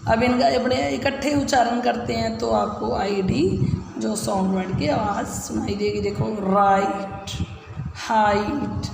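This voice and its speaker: A woman teacher leading a phonics lesson for young children, spelling each word letter by letter and then saying it slowly. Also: on the high side, expressive, gravelly, noisy background. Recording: echoey room, long reverb, faint ambience.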